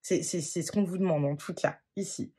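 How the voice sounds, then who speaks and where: A tarot reader talking through a reading in a husky, slightly breathy voice. The delivery is gentle and halting, full of fillers and restarts, pitched in a middle range. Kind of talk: spontaneous card-reading monologue.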